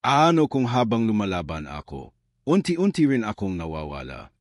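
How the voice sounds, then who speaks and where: A man's voice: fairly low pitch, huge pitch swings, normal speed, no room sound, studio quality. A man voicing a troubled young village man, anguished and fearful of his own blood, in a spoken horror story.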